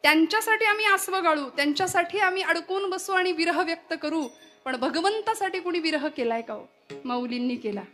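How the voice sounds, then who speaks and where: A woman kirtan preacher telling a devotional story with dramatic feeling, slowing down to recite Sanskrit verses. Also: extremely high pitch, faint music behind. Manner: emotional and expressive.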